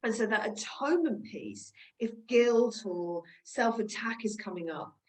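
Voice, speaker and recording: A woman wellness coach teaching in conversation, speaking in a reflective, measured way. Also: a little high, animated, darkish tone, poor audio.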